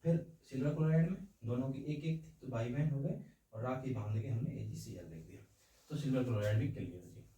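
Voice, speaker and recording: Distant teacher with a dark voice in an echoey room. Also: male voice, medium pitch, fairly quick. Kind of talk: chalkboard science lesson.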